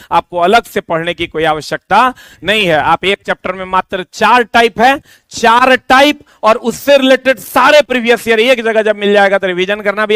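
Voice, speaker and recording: High, smooth-voiced male teacher. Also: fairly bright tone, no room sound. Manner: informal, repetitive, addresses students directly. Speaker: coaching teacher. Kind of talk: promotional explanation to exam students.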